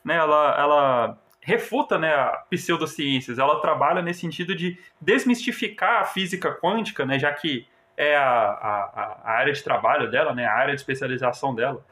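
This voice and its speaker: A roomy, echoing recording of a Brazilian man with a slightly high voice. He has a Brazilian Portuguese accent and explains things conversationally as a podcast co-host. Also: normal speed, hardly any pauses, pushed and bright. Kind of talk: casual explanatory chat.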